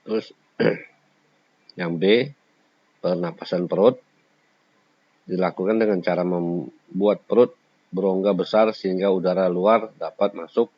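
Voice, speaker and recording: A man's voice: deep voice, fairly even intonation, measured pace, pauses often, slightly rough, no echo. A man teaching a school lesson, explaining each point in turn and sometimes singing short examples. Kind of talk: classroom lecture. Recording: slightly dull lo-fi sound.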